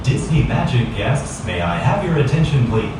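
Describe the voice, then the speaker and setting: A man making a formal final-call announcement over a cruise ship's intercom, speaking in a measured, clearly enunciated way. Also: mid-range voice, very animated, heavy background noise. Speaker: ship announcer. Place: aboard a cruise ship, heard through a loudspeaker. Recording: echoey loudspeaker heard from far off.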